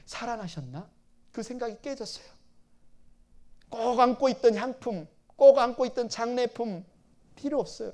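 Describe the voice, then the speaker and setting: A male pastor preaching a sermon. He repeats phrases, asks the congregation questions and acts out quoted lines with sudden bursts of loudness. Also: sits high.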